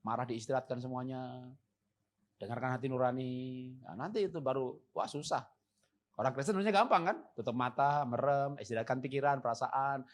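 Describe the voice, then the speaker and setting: A man preaching a church seminar sermon with humor. He acts out quoted husbands and wives and moves from loud emphasis to soft, calm passages. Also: medium pitch, fairly quick. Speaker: guest preacher. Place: church service.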